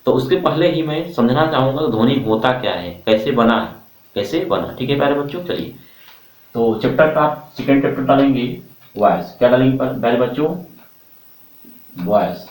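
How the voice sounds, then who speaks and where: A man's voice: mid-range voice, lively intonation, moderate pace, darkish tone. Man teacher, lecturing a class, asks and repeats answers, roomy echo, distant mic. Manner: addresses students as dear children, repeats questions for the class to answer. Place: classroom with a board. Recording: roomy, from far off.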